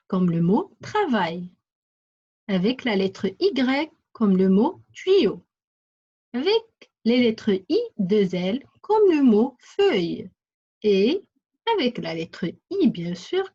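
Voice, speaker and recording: A woman teaching a reading lesson to young children, sounding out syllables and repeating words slowly and deliberately. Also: fairly high pitch, a little mellow, husky. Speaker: primary school teacher. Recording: dull lo-fi recording.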